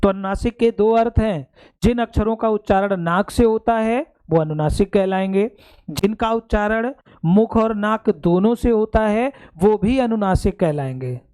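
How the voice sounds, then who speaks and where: एक पुरुष हिंदी शिक्षक, जो परीक्षा की तैयारी के लिए कक्षा में समझाता है और बार-बार पूछता है कि बात समझ आई या नहीं।. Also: male voice, high-pitched, moderate pace, darkish tone, smooth. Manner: explains step by step, keeps checking understanding; addresses students fondly as "beta". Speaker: Hindi teacher. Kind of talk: exam-prep classroom lecture.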